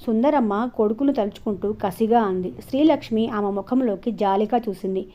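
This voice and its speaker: A woman storyteller narrating an audio novel with a measured, steady reading. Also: mid-range voice, lo-fi sound.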